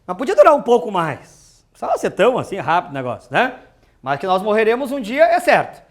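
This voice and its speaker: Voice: medium pitch, huge pitch swings, quick pace. A teacher giving an exam-prep grammar lesson, chatty and full of joking asides and rhetorical questions.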